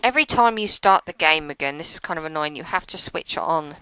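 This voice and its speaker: A woman's voice: low-pitched, animated, fairly quick, bright, forceful tone, clean tone, no echo, poor audio. A woman giving casual commentary over a video game, often stumbling over her words and poking fun at herself. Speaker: let's play commentator.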